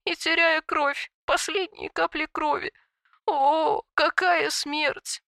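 A woman's voice: medium pitch, moderate pace, no echo, studio quality, lightly acted. Woman voicing a weeping dramatic dragoness. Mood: wailing. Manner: sobbing, hushed and theatrical. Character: grieving tearful female dragon, dramatic.

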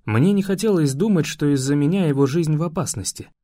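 A man reading a first-person audiobook narration in a reflective, expressive way. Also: fairly high pitch, a little fast, no room sound, studio quality.

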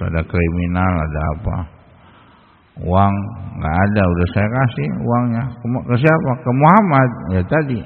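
A man giving a religious study lecture as an Islamic preacher, explaining with everyday examples and Arabic quotes, his pitch jumping high for emphasis. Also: creaky. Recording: tinny phone-like lecture recording with long reverb.

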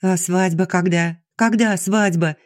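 A boisterous young woman, voiced by a male narrator, jokes and cheers with high, bubbly energy. The audiobook sound is dry and close. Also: fairly even intonation, unhurried, no room sound. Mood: playful. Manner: playful, exuberant.

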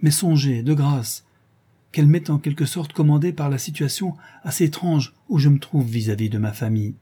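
A man's voice: a little high, normal speed, warm tone, slightly rough, pitched above the performer's own voice. A man reading an audiobook, voicing a proud, anxious young noblewoman in a hesitant, raised voice.

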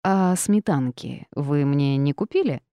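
A woman's voice: low-pitched, lively intonation, a little slow, warm tone, dry recording. A woman reading an audiobook and voicing a cheeky talking male house cat that drawls and wheedles. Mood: wheedling.

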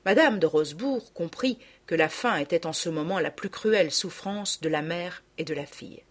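Woman calmly narrating a children's classic. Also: fairly low pitch, normal speed.

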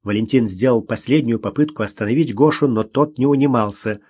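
A man narrating a novel as an audiobook in a dramatic, expressive reading. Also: medium pitch, a little fast, breathy edge.

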